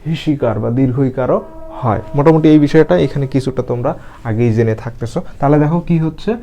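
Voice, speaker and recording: A man teaching English reading, explaining spelling and pronunciation slowly, spelling words out letter by letter. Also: mid-range voice, dark tone, muffled recording, soft background music.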